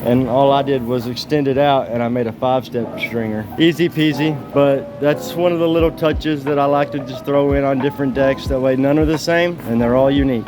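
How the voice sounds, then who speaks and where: A man's voice: medium pitch, rough recording. A man gives a casual, folksy, easygoing project walkthrough as a handyman vlogger, slurring slightly and whistling on his s sounds because of dentures.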